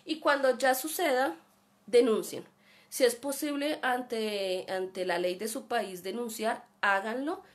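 A woman's voice: fairly high pitch, slow. A woman with a Colombian accent teaching an online class and telling a personal story, acting out the voices of the people in it. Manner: chatty, acts out voices in her story.

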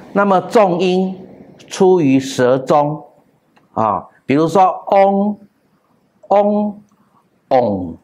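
A man giving a classroom lecture on classical texts, explaining step by step with drawn-out particles and sung example tones. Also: on the high side, a little mellow. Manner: explains with pauses, drawn-out particles, chants and hums sounds.

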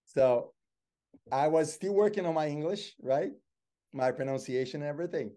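This lively storyteller is a middle-aged Brazilian man with a fairly high voice and Portuguese as his native tongue. Joining an interview as a guest by video call from a home office, he talks at a moderate pace, animated and expressive, with lots of gesturing.

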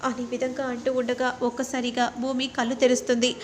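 Woman narrating a serial recap, higher voice. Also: monotone, a little fast, a little hiss or hum.

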